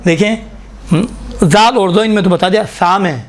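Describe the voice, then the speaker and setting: A man teaching a classroom lesson on recitation pronunciation, repeating each sound slowly for his students. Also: high-pitched.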